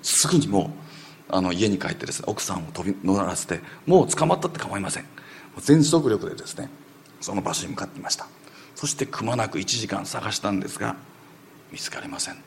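A man preaching a sermon as a story, animated, sometimes acting out quoted voices and dropping to a whisper. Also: lowish voice, quick pace, gravelly, slight background noise.

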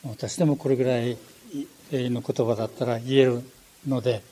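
An older man preaching a sermon, animated, with frequent fillers and self-corrections. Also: mid-range voice, a little fast.

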